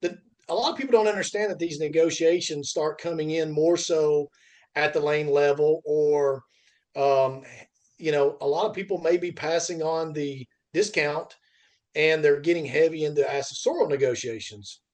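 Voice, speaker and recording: A middle-aged man, a freight industry veteran, hosts a podcast and chats casually, rambling and often circling back over what he's said. His voice is on the high side and darkish in tone, at a moderate pace.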